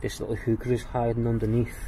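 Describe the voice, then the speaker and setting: A man giving a casual tour of his walled garden outdoors, talking in a plain-spoken, unhurried way as he walks and explains. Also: mid-range voice, monotone, mellow, a little hiss or hum. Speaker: gardening vlogger.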